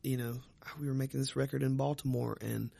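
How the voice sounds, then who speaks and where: A man's voice: mid-range voice, steady tone, brisk, creaky, warm tone, dry recording. A man in casual profane chat, rambling with lots of fillers and swearing.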